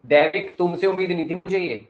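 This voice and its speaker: A young man with a north Indian Hindi accent teaches an online class, mixing explanations with teasing and scolding. His voice jumps from loud outbursts to quiet asides. A faint hum of noise sits behind him. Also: high voice, a little fast, lo-fi sound. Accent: Hindi-speaking north Indian. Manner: scolding, teasing banter with students; animated, swings between loud and soft.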